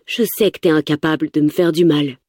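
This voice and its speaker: Woman voicing a trusting young man, calm, sincere, mellow low voice, audiobook. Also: brisk, dry recording, studio quality. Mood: earnest.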